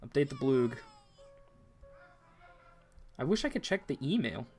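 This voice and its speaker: A let's-play host gives chatty commentary while playing a romance game, reading its text aloud. His medium-pitched voice is very animated, a bit slow and slightly mellow, with faint music in the background.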